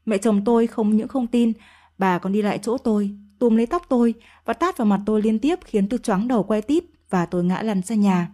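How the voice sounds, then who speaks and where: A woman narrating a first-person audio story with a mellow, warm tone. Her delivery is steady and emotive, at a middling pitch. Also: brisk.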